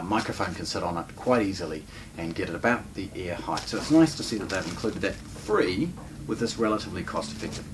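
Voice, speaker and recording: It's a casual unboxing led by a man whose voice is on the low side and whose accent is from New Zealand; he walks through things step by step in an informal way while handling them, with background noise present.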